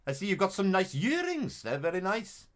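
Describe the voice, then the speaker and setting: A man's voice: high-pitched, huge pitch swings, normal speed, voice pushed up. A man putting on a Welsh accent, playing a chatty Welsh man who compliments earrings in an exaggerated, sing-song way. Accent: Welsh, put on.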